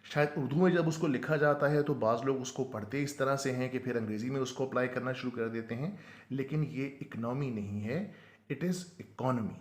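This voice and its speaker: A man teaching a pronunciation lesson, who slows right down to spell out each word. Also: medium pitch, roomy sound. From Pakistan. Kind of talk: explanatory lesson.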